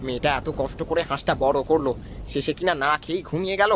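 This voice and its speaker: A man voicing a kindly village husband and father in a cartoon, coaxing and fast-talking. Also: a little high, slight background noise, natural voice. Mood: gentle.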